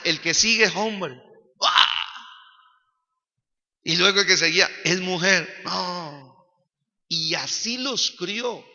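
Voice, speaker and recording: Animated pastor with high, sharp voice. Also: male voice, gravelly. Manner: animated preaching that builds to shouting. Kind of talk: church sermon. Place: church sanctuary. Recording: reverberant church hall, dull sound.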